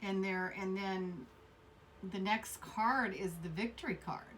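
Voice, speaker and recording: A woman's voice: mid-range voice, measured pace, fairly bright tone, far from the mic, slight background noise. A woman doing a casual tarot reading, rambling and repeating herself with many fillers. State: coughing fits. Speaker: tarot reader.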